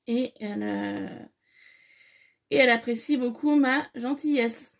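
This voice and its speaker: A scrapbooking vlogger unboxes a parcel on camera, chatting casually and effusively with plenty of hesitant fillers. Her voice is fairly high and creaky, and she speaks at a measured pace.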